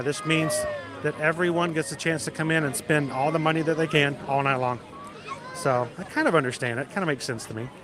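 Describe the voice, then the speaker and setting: A middle-aged man from South Georgia with a deep Southern accent, chatting casually and folksily as he hosts a livestream. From South Georgia, United States. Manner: chatty, folksy, greets viewers by name. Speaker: livestream host. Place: outdoors in a busy theme park.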